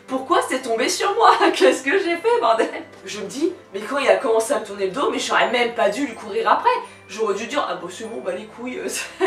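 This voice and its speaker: A young woman telling a personal anecdote in a casual, animated, giggly and blunt way, her voice cracking slightly from shouting. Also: mid-range voice. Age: young adult. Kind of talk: casual storytelling vlog. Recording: echoey room, distant microphone. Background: faint music.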